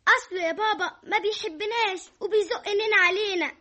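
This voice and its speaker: A high, eager little Egyptian girl. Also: brisk, bright, forceful tone. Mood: tattling. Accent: Egyptian Arabic. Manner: eager, tattling. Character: eager young girl, eldest of the sisters. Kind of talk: classic Egyptian radio drama acting.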